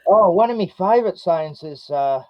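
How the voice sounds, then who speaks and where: Lively older Australian man, plain-spoken tradesman manner. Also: high voice, normal speed, no echo. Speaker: interview guest. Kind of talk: casual chat. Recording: dry, slightly dull microphone sound.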